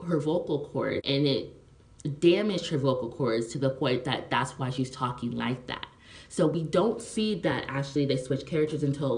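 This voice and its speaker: A movie reviewer casually explaining a plot, rambling with lots of fillers and checking whether the listener is following. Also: mid-range voice. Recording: roomy echo.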